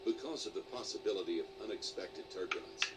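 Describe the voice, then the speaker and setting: A man reading a pre-recorded cabin safety announcement in a formal, measured way, played back in a flight simulator. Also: low voice, lively intonation. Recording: distant, noisy game audio.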